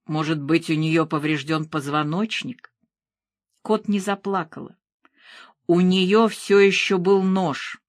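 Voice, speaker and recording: A woman narrating a thriller audiobook in a measured, even reading. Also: lowish voice, dry recording, studio quality.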